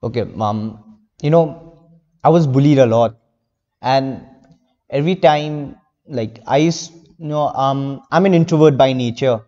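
A man's voice: medium pitch, unhurried, mellow. Earnest teenage boy, echoey lo-fi room. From India. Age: teens. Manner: earnest, rambling with many fillers. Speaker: interview guest, young novelist. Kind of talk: casual interview.

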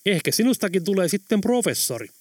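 A man's voice: high voice, sing-song, darkish tone, breathy edge, no room sound, clean studio sound, voice pushed up, heavily acted. Audiobook role: wry, teasing man, voiced by the male narrator, a bit raised. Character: adult man, teasing and grinning.

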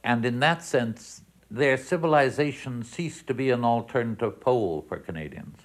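A man's voice: medium pitch, animated, moderate pace. A man speaking in an interview in a reflective, musing way, often saying "you know" and restarting his phrases. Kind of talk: interview commentary.

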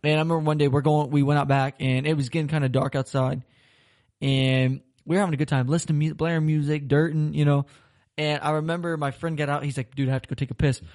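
A young man from Florida who hosts a casual talk show. His voice sits on the high side, and he tells stories in a loose, rambling way, laughing and swearing as he acts out the moments. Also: quick pace. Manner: rambling, laughing, swears a lot, animated retelling. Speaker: podcast host. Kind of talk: casual storytelling chat.

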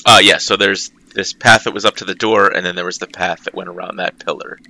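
Deep-voiced, crisp male game master. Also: fairly even intonation, quick pace, sharp tone. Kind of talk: narrating a tabletop game.

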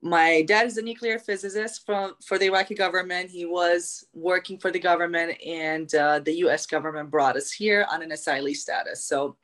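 A young adult Iraqi woman, a guest in an interview, tells her story in a chatty, animated way full of fillers and restarts. Her voice is on the low side, at a moderate pace with hardly any pauses.

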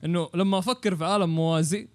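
A man's voice: sits high, steady tone, racing. A Saudi man chatting casually and thinking aloud, dropping English words and phrases into his Arabic. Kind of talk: casual, musing chat.

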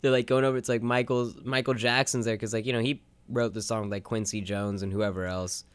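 A young man co-hosting a podcast in casual chat, laid-back, laughing often and trailing off into quiet asides. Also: on the low side, steady tone, fairly quick, smooth, no room sound. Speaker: podcast co-host.

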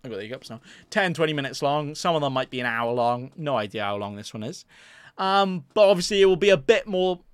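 A man's voice: on the high side, animated, a little fast, smooth, no room sound. A young man hosting his own podcast, rambling in casual chat and joking at his own expense with many restarts. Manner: self-mocking, jokey, rambling with restarts. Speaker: podcast host. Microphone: desk mic in front of a green screen.

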